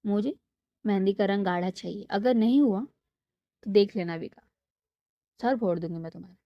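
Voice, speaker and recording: A woman's voice: mid-range voice, normal speed, no room sound, lightly acted. A woman voicing a playful, bossy young bride who makes mock threats at her girlfriend. She speaks in close to her own voice. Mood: mock-threatening. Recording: dull lo-fi dry sound.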